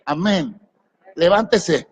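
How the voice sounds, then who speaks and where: A man's voice: high voice, animated, slow pace, slightly rough. A man preaching a sermon as pastor, asking the congregation questions and giving them commands. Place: large church hall. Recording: long echo of a church hall.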